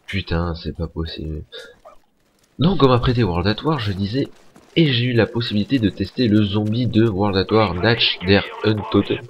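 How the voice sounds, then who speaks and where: Low-voiced young man rambling over gameplay. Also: lively intonation, normal speed, highs cut off, slight background noise. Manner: casual, rambling, swears often. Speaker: gaming YouTuber. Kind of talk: gameplay commentary.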